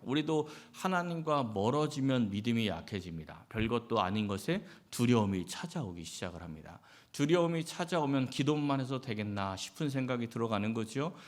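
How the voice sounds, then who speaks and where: A male pastor preaching a Sunday sermon to his church. He asks the congregation questions and answers them himself, and he acts out quoted lines with sudden rises in pitch and loudness. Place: church sanctuary.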